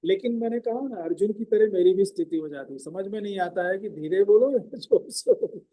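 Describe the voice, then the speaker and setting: Loud, high-voiced male scripture teacher. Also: brisk, low-quality recording. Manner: speaks loudly and emphatically; explains verses term by term. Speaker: spiritual teacher. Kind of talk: scripture discourse. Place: ashram.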